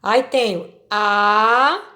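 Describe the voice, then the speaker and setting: A woman teacher with a Brazilian Portuguese accent, patiently explaining a children's worksheet and sounding out syllables slowly. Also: mid-range voice, bright, forceful tone.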